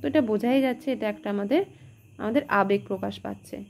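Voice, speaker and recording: A woman's voice: mid-range voice, a little fast, vocal fry, a little mellow, a little hiss or hum. A woman teaching an online exam-prep grammar lesson, explaining step by step and asking the class rhetorical questions.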